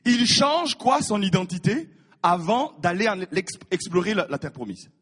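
Animated high-voiced male preacher. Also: moderate pace, slightly rough. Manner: animated, repeats words, acts out voices of biblical figures. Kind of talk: sermon. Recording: reverberant hall.

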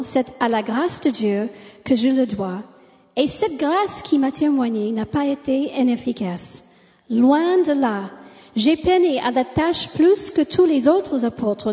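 A woman preaches in French with an American accent, as a native English speaker. Her voice is high and mellow, carried by long hall reverb. She delivers a sermon in an exclamatory way, dotted with amens and hallelujahs. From United States.

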